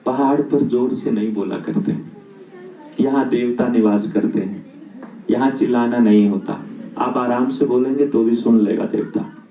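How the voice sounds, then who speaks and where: A man lowering his voice to play an elderly mountain villager, a gentle old man who speaks in a soft, admonishing way. His voice drops well below the speaker's own. The sound is roomy and distant. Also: unhurried, narrow, tinny audio, a little hiss or hum, lightly acted. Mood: gently admonishing.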